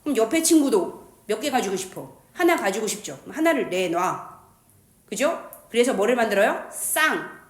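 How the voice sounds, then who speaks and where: A woman's voice: on the high side, big pitch swings, normal speed. A woman teaching chemistry in a playful, slangy way, asking the class questions and answering them herself. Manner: uses slang and crude jokes. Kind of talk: lively classroom lecture. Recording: echoey room.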